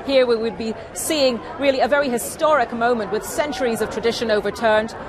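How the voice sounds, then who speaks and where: A woman reports breaking news live from outdoors in a fairly high voice. She improvises a little haltingly as updates reach her, with a clearly audible crowd behind her. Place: outdoors outside a hospital. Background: large cheering crowd.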